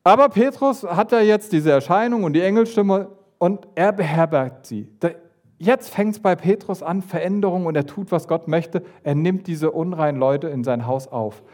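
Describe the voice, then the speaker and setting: A man delivers a sermon with lively, playful storytelling. He jumps in and out of the voices of the story's figures and talks straight to the congregation. His voice sits a little high. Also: normal speed. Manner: animated, acts out voices of the story with pitch jumps and asides. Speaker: preacher.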